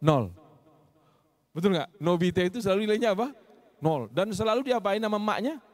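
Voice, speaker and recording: Lively Medan-accented preacher, high voice. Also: male voice, brisk. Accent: Medan Indonesian. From Medan, Indonesia. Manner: lively, swinging between loud punches and low asides. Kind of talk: mosque sermon. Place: mosque.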